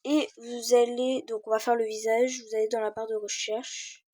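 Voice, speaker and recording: A teenage girl talks through a game tutorial at her computer, slow and full of hesitant fillers. Her voice sits a little high but sounds mellow and soft. The recording is dry and close, with no room sound. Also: flat delivery, dry recording. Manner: hesitant, many "euh" fillers, talks while searching. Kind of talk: casual screen-recorded tutorial.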